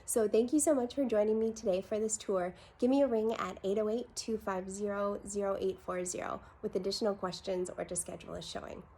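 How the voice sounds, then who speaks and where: A woman with a creaky voice giving an enthusiastic home tour as a gushing real estate agent, full of superlatives. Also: medium pitch, fairly even intonation, fairly quick, hardly any pauses, warm tone, a little hiss or hum. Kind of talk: enthusiastic property tour presentation.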